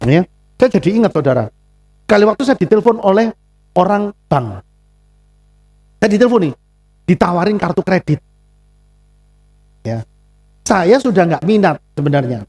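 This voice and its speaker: A male pastor with a Javanese accent preaching a sermon, animated and acting out little dialogues. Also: sits high, normal speed, long pauses. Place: congregation church.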